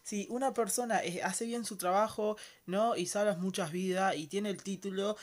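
A man's voice: sits high, fairly even intonation, moderate pace. A man with an Argentine accent casually commenting on a TV episode, chatty and rambling, with slangy asides and mock-disgusted exclamations. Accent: Argentine Spanish. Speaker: reaction commentator.

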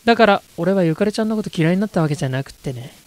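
A cocky teenage boy, as a game streamer acts him out, glib and slangy. He is the playboy of a horror game, talking at a middling pitch. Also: expressive, racing, a little mellow, lightly acted. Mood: glib, smooth. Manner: glib, self-excusing, rough male slang.

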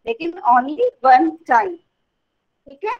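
A woman music teacher who sings sargam note names slowly and patiently explains each step of a raga song to her class. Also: high voice, big pitch swings, dull audio.

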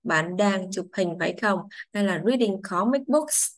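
A woman English teacher, patiently explaining grammar to children, saying English phrases slowly before translating them. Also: medium pitch, lively intonation, no echo.

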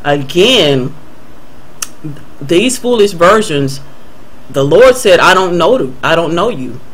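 A man earnestly explaining Bible passages in a voice-over, answering a viewer's email and pausing often with fillers and restarts. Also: a little high, very animated, a bit bright, low-quality recording. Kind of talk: unscripted Bible commentary voice-over.

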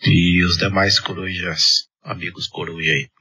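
Deep, raspy Brazilian man on radio. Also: level tone, unhurried, bright, forceful tone. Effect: two-way radio. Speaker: amateur radio operator. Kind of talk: casual ham radio chat. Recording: muffled, band-limited shortwave radio audio.

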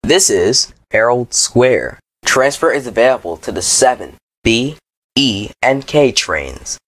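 A man reading scripted transit announcements like a subway or airport announcer, in a formal, measured manner. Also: mid-range voice, expressive, fairly bright tone, no room sound. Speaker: train announcer.

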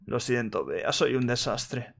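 A man from voicing a drunk, weepy young female cat, talking in a slurred, wobbly, drawn-out way. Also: mid-range voice, animated, creaky, heavily acted. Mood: sorry.

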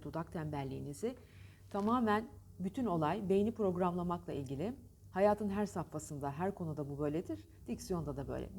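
A woman teaching a diction lesson, speaking emphatically and over-articulating words, repeating them slowly. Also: mid-range voice, a little mellow, slightly rough.

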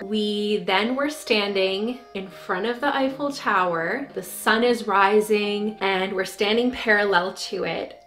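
A woman's voice: mid-range voice, a bit bright. A young woman vlogger telling a personal story to camera in a chatty way, full of "like" fillers. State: emotional, near tears.

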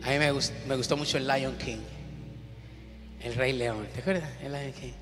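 A woman's voice: rumbling low, steady tone, moderate pace. A woman pastor preaching a sermon in an emphatic way, repeating phrases and calling on the congregation to answer. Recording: long hall reverb with music behind.

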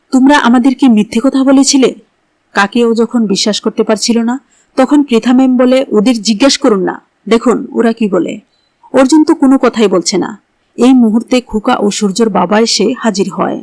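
A woman's voice: a little high, gravelly, a little mellow, no echo. A woman narrating a scripted recap of a television serial, lifting her voice a little for the quoted lines. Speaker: entertainment news narrator.

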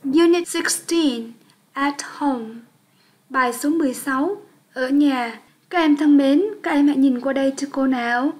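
A woman's voice: high voice, steady tone, moderate pace, a little mellow. A woman teaching an English lesson for young children, speaking patiently and leading repetition drills.

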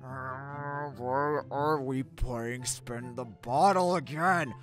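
A man's voice: medium pitch, very slow, fairly bright tone. A man voicing a grumpy, easily panicked cartoon hedgehog antihero, ranting in exasperation and stammering when nervous. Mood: exasperated. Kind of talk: comic dub voice acting. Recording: music playing behind the voice.

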